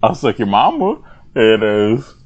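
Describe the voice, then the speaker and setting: A young man hosting his gaming stream, trading loud, profane, teasing banter with friends and laughing often over a headset. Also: fairly low pitch, huge pitch swings, a little slow, breathy edge, dull audio. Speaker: gaming host.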